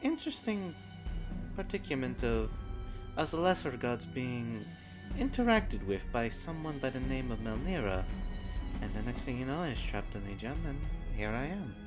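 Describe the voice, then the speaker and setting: A man's voice: medium pitch, big pitch swings, normal speed, over music, natural voice. A man voicing a short winged goddess in a tabletop game, composed, stately and self-important. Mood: courteous, puzzled. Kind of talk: tabletop role-play.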